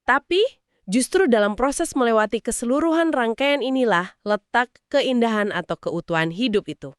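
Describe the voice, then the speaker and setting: A woman's voice: fairly high pitch, animated, normal speed, clean tone, no echo, studio quality. A woman co-hosting a podcast who sums up points and asks friendly follow-up questions. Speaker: podcast co-host. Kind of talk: casual explanatory discussion.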